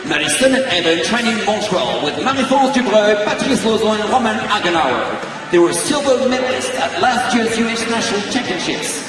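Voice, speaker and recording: A man making formal announcements over a public-address loudspeaker at an ice rink, with a steady, formal delivery. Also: moderate pace, far from the mic, music in the background. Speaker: arena announcer. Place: large ice arena. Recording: booming loudspeaker in a vast echoing arena, heard from afar.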